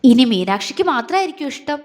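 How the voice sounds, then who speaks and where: A woman's voice: high voice, very animated, a little fast. A woman voicing a jealous young woman who talks in an anxious, disbelieving way.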